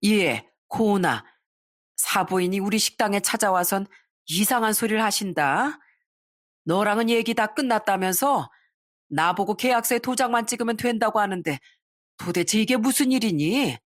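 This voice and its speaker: A woman's voice: medium pitch, lively intonation, normal speed, no room sound, studio quality, natural voice. A woman voicing a bewildered older mother who runs a small restaurant, speaking worriedly on the phone to her daughter. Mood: puzzled. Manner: worried, puzzled.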